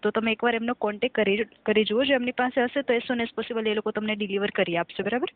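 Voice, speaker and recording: A woman plays a customer care agent on a telephone call, handling scripted customer service talk in a formal, courteous way and often checking that the caller agrees. Her voice is on the high side and steady, and she speaks quickly. The phone line sounds tinny, though there's no echo.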